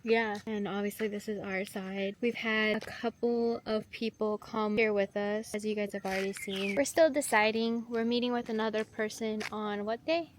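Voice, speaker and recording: A woman chatting to camera in a casual vlog outdoors, excited and full of fillers. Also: mid-range voice, moderate pace, hardly any pauses. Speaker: vlogger showing their land. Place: outdoors on a building site. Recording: outdoor noise, passing vehicles.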